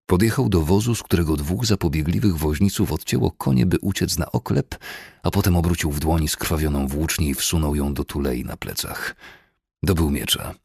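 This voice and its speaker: A man narrating a fantasy audiobook in a steady, measured way. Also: rumbling low, vocal fry, slightly rough, dry recording, clean studio sound.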